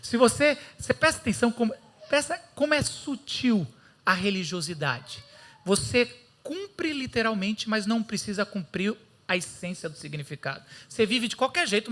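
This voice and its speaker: A Brazilian man with a Brazilian Portuguese accent preaching a sermon, telling stories with lively acted-out quotes. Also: high voice. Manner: lively storytelling, acting out quoted voices.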